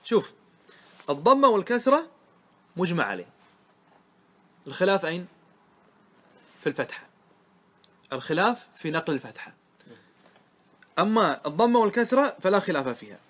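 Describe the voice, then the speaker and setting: A man's voice: sits high, big pitch swings, fairly bright tone. A man teaching a grammar lesson to a class, explaining the rules and checking often whether his students follow. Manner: asks students quick check questions; chants verses slowly. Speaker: sheikh teaching Arabic grammar. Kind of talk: classroom lecture explaining verse.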